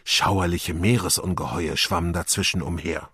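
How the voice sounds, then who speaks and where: A man's voice: low voice, normal speed, slightly rough, no room sound, studio quality. A man reading a children's story aloud as narrator, giving each character a voice. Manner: lively voicing of characters. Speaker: audiobook narrator.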